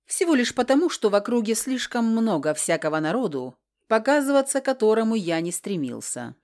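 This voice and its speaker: Audiobook: a proud, sly nonhuman man, read by a woman, smoothly mocking. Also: a little high, big pitch swings, a little fast, a little mellow.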